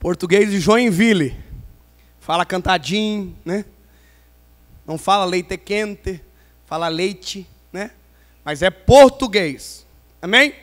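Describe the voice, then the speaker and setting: Male preacher, very high pitch, humorous storyteller, long hall reverb. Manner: playful, swings from loud emphasis to quiet asides. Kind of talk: pentecostal sermon with humorous stories. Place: large church hall.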